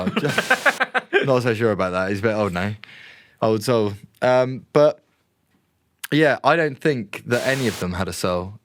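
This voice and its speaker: A man with an English accent, co-hosting a casual podcast and telling stories in an animated, sweary way. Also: medium pitch, a little hiss or hum. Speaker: podcast co-host.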